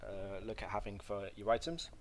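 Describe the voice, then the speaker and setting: Coughing a bit from throat irritation, this game guide presenter gives a rambling, casual gameplay tutorial full of fillers and self-corrections. He speaks in a lowish, flat voice at a moderate pace, with slight hiss or hum on the audio.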